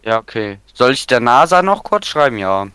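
A man's voice: medium pitch, sing-song, moderate pace, sharp tone, clean tone, no room sound. A young man chatting casually as a podcast co-host in a blunt, teasing, slangy way. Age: young adult. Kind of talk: casual chat.

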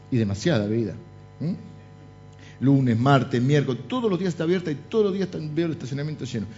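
A middle-aged man with a Rioplatense Spanish accent, preaching in a church and telling humorous stories with jokes and asides. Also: fairly high pitch. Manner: animated storytelling with jokes and asides. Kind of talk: humorous sermon anecdotes. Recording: dull lo-fi sound with faint music.

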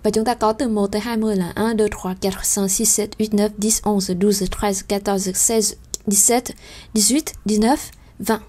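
A woman teaching a French lesson, explaining in a patient way and repeating each number slowly and clearly. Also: medium pitch, fairly even intonation, a little mellow. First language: Vietnamese. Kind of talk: language lesson.

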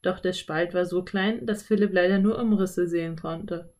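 A woman narrating a children's audiobook in a calm, clear storytelling voice. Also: lowish voice, normal speed.

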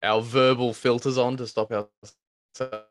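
A man's voice: medium pitch, level tone, measured pace. A man co-hosting a casual sports podcast over a call, bantering with wry jokes. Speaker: podcast co-host. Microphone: remote call recording.

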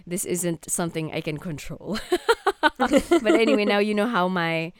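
Female podcast co-host, young, lowish voice congested by a cold and sore throat, casual and giggly, very dry sound. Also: lively intonation, moderate pace, smooth, dry recording. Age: young adult.

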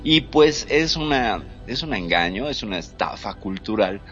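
A man hosting a talk show, lecturing in an expressive way that swings between loud and soft. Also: fairly low pitch, normal speed, lo-fi sound, soft background music. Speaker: host. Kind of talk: reflective talk show commentary.

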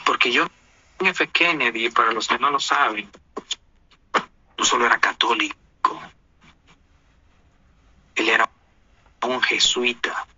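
A man's voice: medium pitch, slow pace, long pauses, sharp tone, slightly rough, lo-fi sound. A man from Honduras with a Honduran Spanish accent, delivering an indignant, preachy opinion monologue as a commentator.

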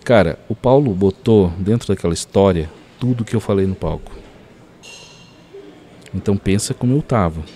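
A man's voice: fairly low pitch, moderate pace, long pauses. A man telling a story as a podcast guest, full of fillers like "cara". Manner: animated storyteller, many fillers like "cara" and "assim, ó".

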